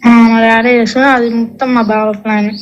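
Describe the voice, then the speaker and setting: A woman's voice: a little high, level tone, brisk, soft background music. A young woman with a Telangana Telugu accent talking casually over a phone call, colloquially relaying what others said in direct quotes. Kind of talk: casual private phone conversation.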